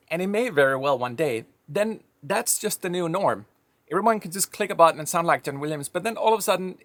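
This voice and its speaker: This is a personal monologue from a Danish man whose voice sits on the high side, a little bright, in a dry recording. His slight accent colors a reflective, chatty delivery full of firm opinions.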